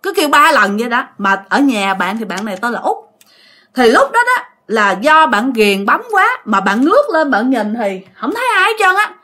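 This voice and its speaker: A woman's voice: on the high side, big pitch swings, normal speed, sharp tone, a little hiss or hum. A woman with a Southern Vietnamese accent, telling a ghost story in a chatty way and speaking straight to her listeners. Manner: chatty, addresses listeners directly.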